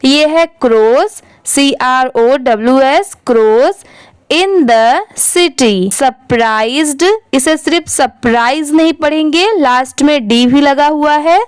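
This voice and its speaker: In a slow spelling-out lesson, a high-pitched woman sounds out English words one letter at a time before blending them together. She puts rhetorical questions to the viewer, and the recording is dry.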